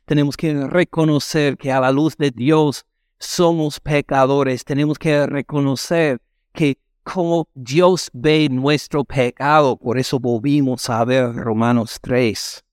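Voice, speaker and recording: A man's voice: medium pitch, no room sound, clean studio sound. A man preaching a sermon as a pastor, speaking emphatically and asking the congregation rhetorical questions. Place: church.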